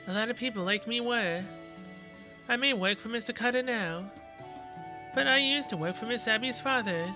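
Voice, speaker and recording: A man voicing a gentle, polite young woman servant who speaks softly and a little nervously. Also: very high-pitched, normal speed, long pauses, over music. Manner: soft-spoken, courteous, slightly nervous.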